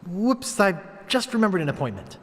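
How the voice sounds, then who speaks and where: A naive, eager young pirate hopeful in a cartoon adventure game. His voice is on the high side and hugely animated, breezy and cheeky, ringing with long hall reverb. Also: fairly quick. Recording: echoing hall reverb effect.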